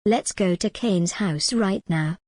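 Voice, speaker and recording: A woman's voice: mid-range voice, slow pace, darkish tone, no room sound. Woman voicing a stiff plant-eating cartoon dinosaur, dry sound. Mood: scheming. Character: female plant-eating dinosaur, children's show character. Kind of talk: scripted cartoon dialogue.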